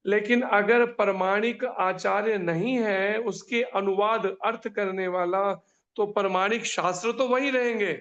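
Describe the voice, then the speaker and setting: A high-voiced man leads a scripture class on a video call, working through each question with everyday examples and short anecdotes. His voice comes through muffled, dull online call audio. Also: fairly bright tone. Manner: explains with examples and small stories. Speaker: spiritual teacher.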